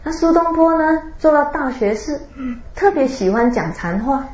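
A woman giving a Buddhist dharma talk, telling a Zen story with drawn-out particles and laughter. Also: high voice, lively intonation, darkish tone. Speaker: Buddhist teacher. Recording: roomy, dull lo-fi recording.

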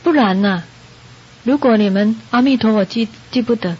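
A woman giving a Buddhist sermon to an audience, telling a story in a lively way and acting out the characters' lines. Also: fairly high pitch, normal speed, slightly rough. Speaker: Buddhist dharma teacher. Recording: dull lo-fi recording.

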